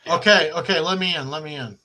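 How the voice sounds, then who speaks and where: A middle-aged man with a Wisconsin accent speaks fast in a fairly high, sharp voice. He's a podcast co-host on a video call, trading crude jokes in a comedy chat and laughing often.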